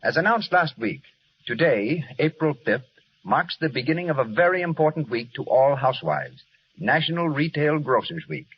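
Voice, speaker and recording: A man's voice: on the high side, expressive, normal speed. A man announcing on an old radio broadcast in a formal 1930s style, reading credits and sponsor messages. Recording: dull old radio broadcast, faint hiss.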